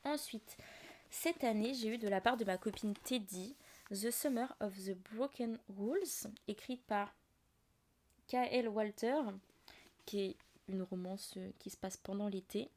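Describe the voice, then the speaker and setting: A woman's voice: mid-range voice, measured pace, darkish tone. Chatty young French woman talking books. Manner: chatty, many fillers and asides. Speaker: book podcast host. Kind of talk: casual book chat. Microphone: audio-only podcast mic.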